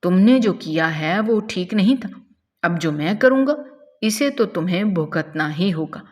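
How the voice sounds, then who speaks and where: A woman's voice: fairly low pitch, expressive, darkish tone, long reverb tail. A woman voicing a domineering young man who mocks and threatens a captive woman in a spoken story. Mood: menacing. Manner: mocking, menacing and possessive.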